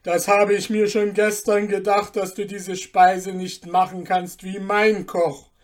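A woman's voice: lowish voice, little pitch movement, slow, a little mellow. A woman voicing a sneering, mysterious foreign guest in a storybook reading, smug and mocking.

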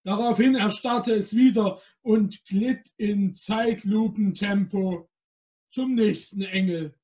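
A man appearing as Santa Claus, reading a storybook aloud to children and talking to them directly. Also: sits high. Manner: addresses children directly, slow and gentle.

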